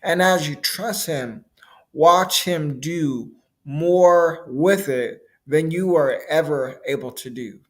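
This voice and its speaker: Slow, conversational male preacher. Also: on the high side. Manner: conversational, playful, with frequent asides. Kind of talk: casual sermon.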